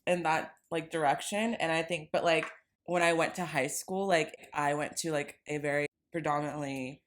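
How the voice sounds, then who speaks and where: A woman's voice: deep voice, steady tone, normal speed, slight background noise. A young woman from Los Angeles co-hosting a podcast in a casual, rambling chat full of "like". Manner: rambling, heavy use of "like". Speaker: podcast co-host.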